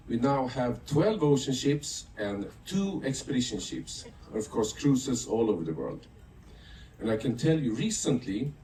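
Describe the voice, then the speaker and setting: Captain joking with the crowd, lively pitch, echoey far-off hall sound. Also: male voice, slight background noise. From Sweden. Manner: jovial, jokey, addressing a crowd. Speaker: ship captain. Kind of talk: welcome speech to passengers. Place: ship's theater stage. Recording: roomy hall audio from a distance.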